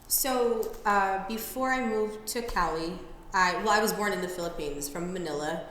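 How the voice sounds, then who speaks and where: A woman's voice: mid-range voice, normal speed, a bit bright. A woman boxing coach, a guest on a podcast, talking candidly and easily about her own past in a casual interview. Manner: candid, talks openly and easily about hard personal history. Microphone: sits at a table mic in a podcast studio. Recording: very echoey room, faint background hiss.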